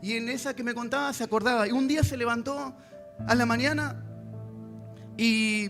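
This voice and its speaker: A man's voice: very high voice, steady tone, normal speed, fairly bright tone. A male pastor, preaching a sermon to a congregation and acting out prayers and God's replies. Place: church service. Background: music.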